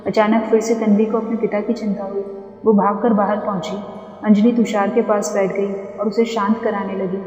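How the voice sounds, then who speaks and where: A woman narrates a horror story with steady, suspenseful drama. Her voice is even and flat in melody, and a long reverb trails each line. Soft music plays underneath. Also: medium pitch, moderate pace, dull audio. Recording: echoey reverb with background music.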